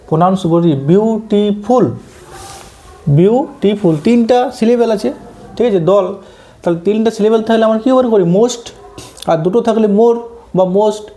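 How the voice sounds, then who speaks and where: Male tutor, high mellow voice, patient step-by-step exam-prep explainer. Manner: explains step by step, often checks understanding. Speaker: teacher. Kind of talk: exam-prep grammar lesson.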